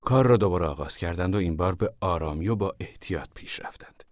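A man narrating an audiobook in a measured, even reading. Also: low-pitched, no room sound.

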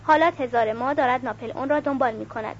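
A woman's voice: high-pitched, muffled recording, slight background noise, natural voice. A woman reading a blunt Russian cavalryman. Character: blunt male Russian cavalry soldier on the march.

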